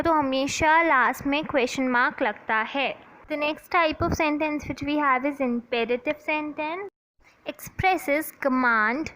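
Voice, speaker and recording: A woman teaching English grammar in a casual classroom manner, chatting in Hindi and reading English definitions slowly and deliberately. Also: high voice, fairly bright tone, slight background noise, poor audio.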